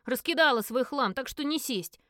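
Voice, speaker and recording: A woman's voice: sits high, lively intonation, normal speed, a bit bright, dry recording, studio quality. A woman voicing a sulky, defiant teenage boy who snaps rudely in an audiobook. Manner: snapping, rude.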